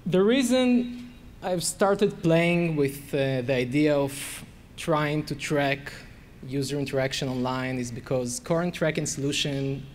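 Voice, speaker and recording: A man with an Israeli accent explains a technical topic to a conference audience, pausing often on fillers. His voice sits a little high. The sound carries a long hall reverb with a faint rumble underneath. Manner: relaxed, filler-heavy explaining. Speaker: conference speaker.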